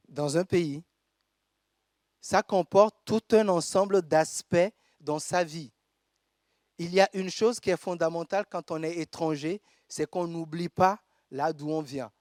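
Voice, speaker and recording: A man from Togo, preaching a sermon in a church and reading scripture aloud with measured pauses. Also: on the high side, darkish tone, dry recording, studio quality. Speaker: pastor.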